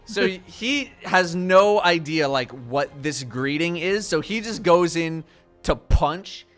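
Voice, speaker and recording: Higher-pitched man narrating a game. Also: animated, slow, a bit bright, soft background music.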